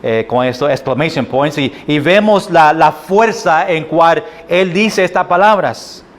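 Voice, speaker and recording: A man with a Puerto Rican accent preaching a sermon as pastor, halting often with fillers and restarts. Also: fairly high pitch. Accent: Puerto Rican Spanish. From Puerto Rico. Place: church sanctuary.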